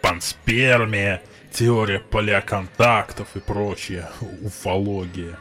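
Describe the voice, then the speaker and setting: Male reader doing a sarcastic robot dog, very deep, snide drawl, faint music behind: audiobook figure. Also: fairly even intonation, takes it slowly, pushed and bright. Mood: dismissive. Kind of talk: audiobook reading.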